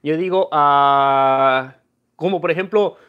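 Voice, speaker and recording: A young man from Mexico with a Mexican accent talks to his audience in a loose, reflective vlog style. His voice sits a little higher than most men's, and he speaks conversationally, mixing in Spanglish words. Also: takes it slowly, clear, resonant tone, narrow, tinny audio. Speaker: numismatics vlogger. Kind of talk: casual talk to camera.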